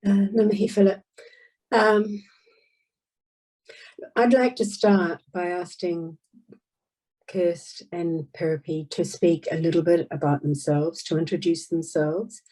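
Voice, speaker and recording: A woman moderating an academic conversation, speaking deliberately, with pauses and restarts. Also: on the low side, fairly even intonation, dark tone, poor audio.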